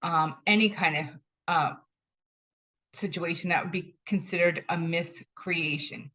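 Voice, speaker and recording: Bright-voiced woman telling stories. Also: fairly low pitch, unhurried. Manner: storytelling, repeats phrases for emphasis. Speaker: spiritual talk host. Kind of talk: casual spiritual talk to camera. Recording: dull lo-fi sound.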